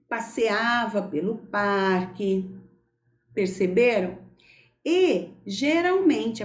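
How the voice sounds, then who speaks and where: Slow, lively-pitched woman teacher. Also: roomy sound. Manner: slow, deliberate, stressing words for pupils. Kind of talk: recorded school lesson.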